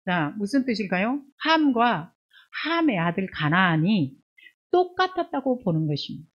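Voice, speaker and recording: A woman pastor preaching an expository sermon. She reads scripture aloud in a raised, emphatic voice, then explains it in a lower conversational tone full of rhetorical questions. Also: sing-song, moderate pace, lo-fi sound.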